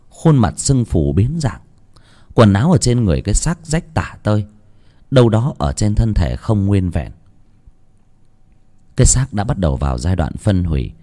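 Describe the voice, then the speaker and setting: Low-voiced, lively horror storyteller man. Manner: dramatic, vivid, expressive storytelling. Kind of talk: scripted horror story narration.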